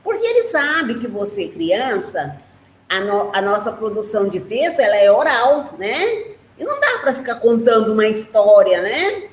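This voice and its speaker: A woman with a Brazilian Portuguese accent teaching a remote class for young children, patient and explaining slowly, often checking in with short questions. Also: a little high, big pitch swings. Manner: slow, patient, explaining, with frequent "né?" and "tá?". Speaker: primary school teacher. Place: classroom at school. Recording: echoey room with faint noise.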